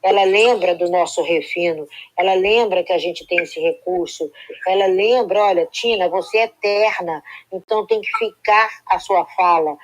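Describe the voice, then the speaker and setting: A woman's voice: lowish voice, normal speed, rough recording. A woman giving a reflective spiritual talk on a live stream, speaking in long flowing sentences and often adding "né" to check in with her listeners. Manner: flowing, reflective, full of "né" tags.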